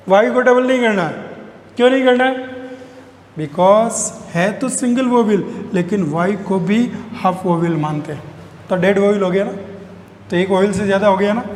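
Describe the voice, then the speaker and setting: A male teacher giving a classroom grammar lesson, repeating key phrases slowly and spelling words out letter by letter. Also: high voice. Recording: echoey room with long reverb, faint noise.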